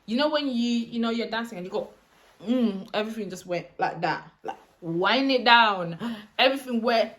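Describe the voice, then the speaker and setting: A young woman telling a storytime vlog in an animated, chatty way with lots of slang. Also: fairly high pitch, normal speed, a little hiss or hum. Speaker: vlogger.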